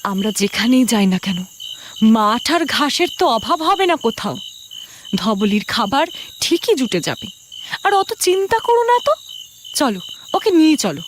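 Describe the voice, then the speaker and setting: A woman voicing a poor farmer's steadfast, reassuring wife in a cartoon, coaxing gently but firmly. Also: a little high, big pitch swings, a little slow, pauses often, slight background noise. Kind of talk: cartoon dialogue.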